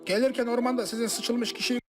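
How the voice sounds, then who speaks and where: A man's voice: very high voice, fairly even intonation, quick pace, music in the background. A man voicing a sneering schoolboy bully who taunts crudely in a comic parody film dub. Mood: taunting.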